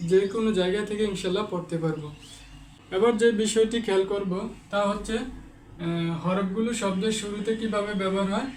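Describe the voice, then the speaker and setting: A man's voice: high voice, reverberant, distant mic, slight background noise. A man teaching Quran pronunciation step by step, patiently saying each letter sound again and again as a drill.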